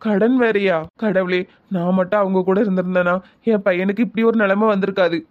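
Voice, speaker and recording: A man voicing a remorseful older father in a cartoon, speaking pained asides slowly in a Tirunelveli Tamil accent. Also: sits high, fairly even intonation, lo-fi sound, close to an everyday voice. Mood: anguished. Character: remorseful older father, secretly watching his son. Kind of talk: cartoon voice acting.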